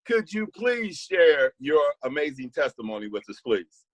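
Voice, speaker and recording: A man's voice: fairly high pitch, very animated, normal speed, no echo, rough recording. A man hosting a video meeting, upbeat and encouraging as he calls on speakers. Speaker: host. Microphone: video call.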